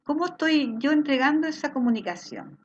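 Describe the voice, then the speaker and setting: A woman's voice: high-pitched, animated, fairly quick, lo-fi sound. Chilean woman teaching a video class. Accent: Chilean Spanish. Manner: explanatory, checks in with frequent rhetorical questions. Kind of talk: online class lecture. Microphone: video call.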